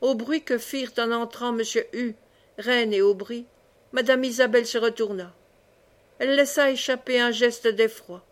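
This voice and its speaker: A woman reading a classic novel aloud as an audiobook, in measured narration, lightly voicing the characters. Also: fairly high pitch, fairly even intonation. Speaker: audiobook reader.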